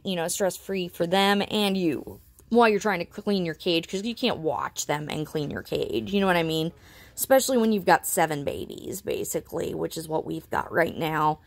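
A woman's voice: fairly low pitch, no room sound. A woman with a slightly wheezy voice, getting over pneumonia, casually narrating a home pet vlog. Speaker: home vlogger. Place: indoors at home.

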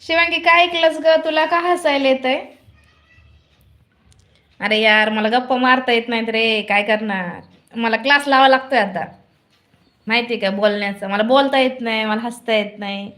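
A woman's voice: a little high, moderate pace, pauses often, fairly bright tone. A woman chatting casually on a phone live stream, reading comments aloud and laughing often.

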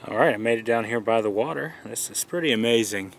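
A man's voice: mid-range voice, expressive, fast talker, creaky, slight background noise. Easygoing man narrating an outdoor walk. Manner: easygoing, enthusiastic tour commentary. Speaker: vlogger. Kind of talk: casual travel vlog narration.

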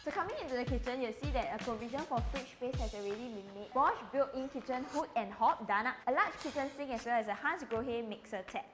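Property tour presenter: young woman, Singaporean accent, higher voice, brisk scripted delivery over soft background music. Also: animated. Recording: light music bed behind voice.

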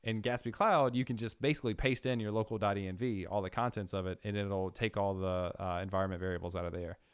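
A young man hosting a coding live stream, thinking aloud with fillers and getting excited. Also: on the low side, quick pace, clean tone, no room sound, clean studio sound. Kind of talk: casual live-coding chat.

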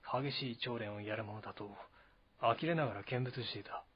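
Man doing a quiet, guarded young officer. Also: a little fast, slightly rough, lo-fi sound, natural voice. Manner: quiet, low and restrained.

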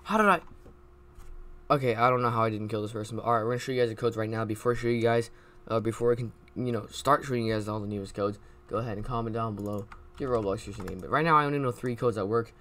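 A man's voice: on the low side, fairly bright tone, slight background noise. A young man doing casual gameplay commentary for his channel, with repetitive promo patter and many fillers. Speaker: gaming YouTuber.

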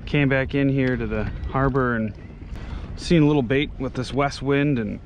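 Out on a kayak on open water and on a beach, a thirty-something fishing vlogger chats casually at normal speed in a medium-pitched voice. An action camera nearby records him, and the audio is dull with slight background noise.

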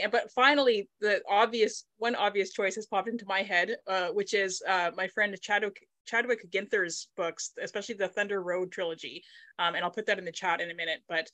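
A middle-aged woman from Manitoba, Canada, appears as an author guest in a casual video call from her home study, picked up by a laptop webcam mic. Her medium-pitched voice is fairly even, brisk, and a bit bright, in a dry recording. She thinks aloud with lots of fillers and restarts.

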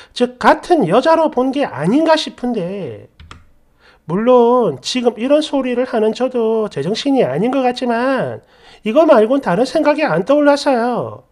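A woman narrating a first-person story in an expressive, conversational way. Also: on the high side.

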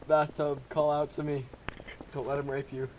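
A man's voice: on the high side, little pitch movement, normal speed, over loud music, poor audio. A young man chatting while gaming, giggly and melodramatic. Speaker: gamer. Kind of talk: casual gaming chat.

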